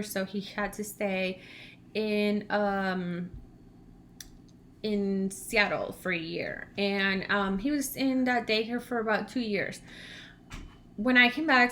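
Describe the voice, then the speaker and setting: A woman whose first language is Spanish, chatting casually in an animated, storytelling way as a vlog host. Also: medium pitch, a little hiss or hum. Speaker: channel host, language learner.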